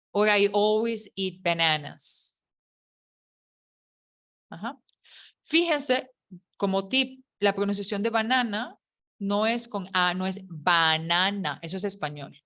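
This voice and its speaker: A woman's voice: mid-range voice, fairly bright tone. A woman teaching an English grammar lesson, explaining in a chatty, playful way with jokes and questions to her students. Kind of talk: online English lesson taught in Spanish.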